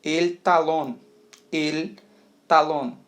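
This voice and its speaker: A man's voice: fairly high pitch, fairly even intonation, very slow, fairly bright tone. A man teaching a video lesson, explaining patiently and checking in often. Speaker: Spanish teacher.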